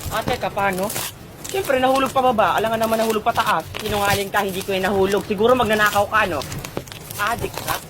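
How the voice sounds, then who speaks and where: A woman rattles off a one-person comedy skit, flipping between squabbling characters with a sharp, sassy tongue. She talks quickly, and a clear hiss of noise runs under her voice throughout. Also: mid-range voice, steady tone. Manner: sassy, bickering, insult-trading.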